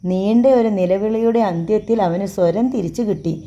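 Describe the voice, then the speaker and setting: A woman narrating a story for an audiobook in a steady, measured reading. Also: mid-range voice, dull audio, a little hiss or hum.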